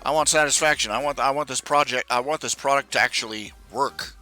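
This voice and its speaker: Over soft background music, a man in his forties rambles on a casual live stream, grumbling at his own expense as he works with software. He has a medium-pitched voice and talks a little fast.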